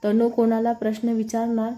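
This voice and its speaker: A quiet young man in a storybook read-aloud, voiced by a woman narrator. He speaks calmly and low-key, a little lower and softer than the narration. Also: moderate pace, lightly acted.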